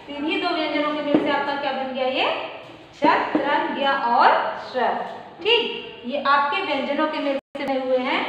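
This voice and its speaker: A woman's voice: high voice, a bit bright. A woman teaching a grammar lesson to children, asking questions and answering them herself. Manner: calls the pupils "child" and repeats key terms. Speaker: school teacher. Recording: very echoey room, faint background noise.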